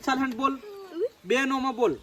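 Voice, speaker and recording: Brief: woman vlogger, higher-pitched, coaxing and patient. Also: normal speed, fairly bright tone, slight background noise. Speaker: vlogger quizzing village children. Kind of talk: casual outdoor chat.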